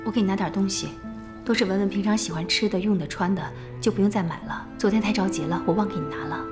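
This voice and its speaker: Woman playing young mother, gentle, soothing, mid-pitched voice, background music. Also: quick pace, lightly acted. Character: patient young mother soothing her child. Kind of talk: TV drama acting.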